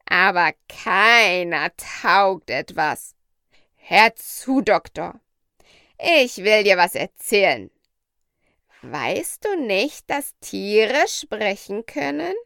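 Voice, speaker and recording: A woman voicing a proud, bossy female parrot in a storybook reading, speaking slowly and emphatically. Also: mid-range voice, sing-song, vocal fry, sharp tone, no room sound, studio quality, heavily acted. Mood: coaxing. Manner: slow, emphatic, lecturing.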